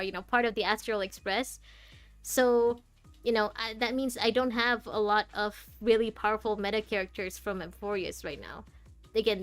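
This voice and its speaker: In a dry recording, a woman with a mid-range voice streams a game. She chats casually and thinks aloud as she plays, rambling along.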